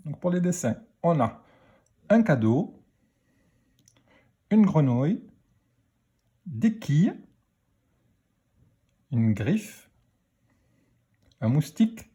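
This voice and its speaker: A man teaching a phonics lesson to children, speaking slowly and deliberately as he spells out letters and sounds. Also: on the high side, mellow, breathy edge.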